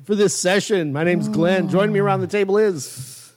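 Casting: male game master and podcast host, high voice, casual bantering narration. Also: moderate pace, crowd noise.

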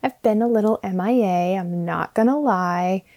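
A young woman talks through her podcast in a relaxed, reflective way, pausing and restarting as she thinks. Her voice is soft and mellow. It comes through muffled and dull from a backup microphone. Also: mid-range voice. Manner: thoughtful, many fillers and restarts. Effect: muffled audio from a fallback microphone. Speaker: podcast host and speech-language pathologist. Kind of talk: casual reflective monologue.

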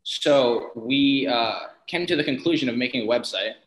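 A male student explains his work at mid pitch, leaning on fillers like "basically" and "uh." The room around him adds a clear echo. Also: normal speed, a bit bright. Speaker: student guest. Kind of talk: casual interview answer.

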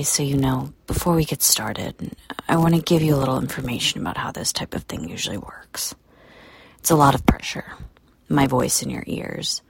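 A person whispering a monologue intimately, right into the listener's ear, in a breathy, creaky voice. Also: mid-range voice.

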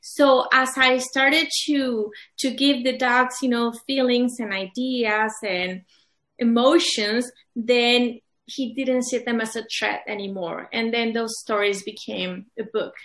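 This woman's voice is high and fairly bright, her intonation fairly even and her pace slow, with the room adding echo. A native Spanish speaker, she's a guest publisher and author giving casual interview replies, earnest but full of hesitations, restarts and fillers.

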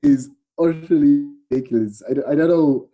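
An Irish man, appearing as a podcast guest, casually tells a story and quotes bits of what people said. His fairly high voice sounds warm and moves at a moderate pace, though the recording is muffled.

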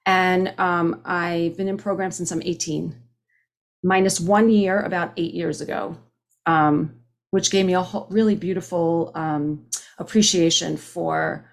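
A woman's voice: fairly low pitch, fairly even intonation, unhurried, vocal fry. A woman in her fifties giving a personal share at a recovery meeting, earnest and conversational, often restarting her sentences. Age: 50s. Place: home, speaking on a video call. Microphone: video call microphone.

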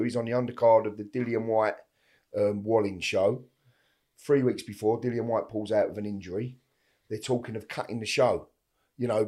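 A middle-aged man with an Essex accent talks very quickly in a casual chat. His voice is mellow and fairly low-key in tone. He repeats himself for emphasis and sounds chatty and down-to-earth. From East London and Essex, England. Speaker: interview guest, a boxer's father.

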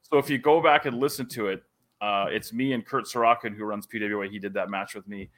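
A man's voice: fairly low pitch, a little fast. A man in his forties, a wrestling commentator, telling stories animatedly in a casual podcast chat. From Canada. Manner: animated storyteller, laughs often.

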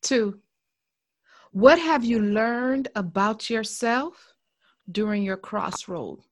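A woman's voice: fairly high pitch, slow pace. Woman hosting a faith-based interview. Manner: warm affirming, many soft mm-hmms. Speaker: podcast host.

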